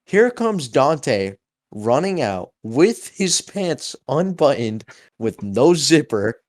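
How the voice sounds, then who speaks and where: Podcast co-host, young man, casual storyteller with a lively, swooping delivery at an unhurried pace. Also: medium pitch. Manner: animated, acts out voices in anecdotes.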